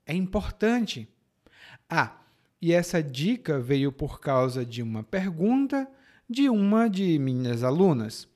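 A man from Ceará with a Brazilian Portuguese accent from that state, teaching a podcast lesson and spelling out example words slowly and carefully. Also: fairly high pitch, a little mellow. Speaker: language teacher.

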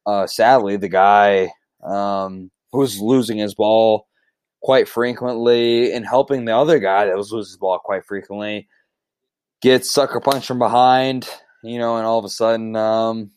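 A man's voice: fairly low pitch, fairly even intonation, a little slow, darkish tone, clean tone, no room sound. Rambling, swearing man telling a story. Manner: rambling storyteller, heavy fillers and restarts, swears freely. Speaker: podcast co-host. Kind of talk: casual chat.

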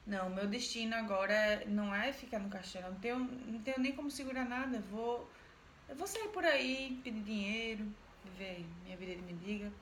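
A woman's voice: medium pitch, fairly quick, fairly bright tone, lightly acted. A woman voicing a young girl in a folk tale who has lost her hands and resigns herself to begging. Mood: resigned. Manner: sorrowful, resigned. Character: maimed young girl resigned to a beggar's life. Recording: roomy echo, faint background noise.

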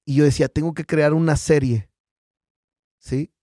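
Mexican man, lively slangy storyteller. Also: a little high, normal speed, no room sound, studio quality. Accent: Mexican Spanish. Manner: animated storyteller who acts out quotes, slangy and profane. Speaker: podcast guest, business founder. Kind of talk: casual podcast chat.

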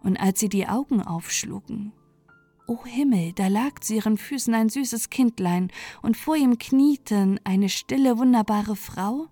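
A woman gently narrating a bedtime fairy tale, soft and sometimes dropping to a whisper. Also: on the high side, unhurried, no room sound, soft background music. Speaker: storyteller. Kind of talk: calm bedtime story narration.

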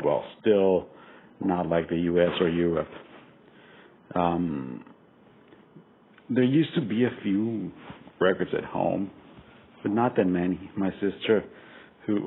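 Listener from Costa Rica, forties, measured storyteller with a very low voice, on a thin, phone-like recording. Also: male voice, creaky. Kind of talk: recorded personal message. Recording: tinny lo-fi recording with faint hiss.

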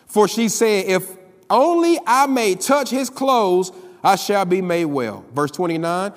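Man preaching in a church hall, high voice, long echo, gets loud and fired up. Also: animated, unhurried. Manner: preaching with call-and-response, rising to loud emphatic peaks. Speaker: pastor. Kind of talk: sermon.

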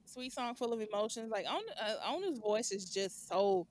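A woman's voice: medium pitch, normal speed, over a noisy crowd. A woman co-hosting a music review podcast, talking in a rambling, enthusiastic way and laughing often. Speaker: podcast co-host. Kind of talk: casual chat.

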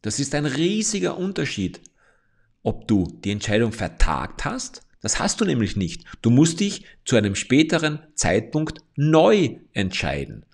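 A man giving a motivational coaching talk, speaking directly to the listener in a calm, explanatory way. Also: medium pitch, unhurried, vocal fry.

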